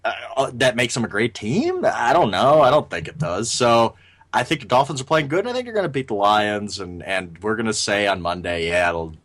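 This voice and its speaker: A man co-hosting a casual sports podcast, animated and opinionated, often restarting his sentences as he talks. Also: mid-range voice, a little fast. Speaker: podcast co-host.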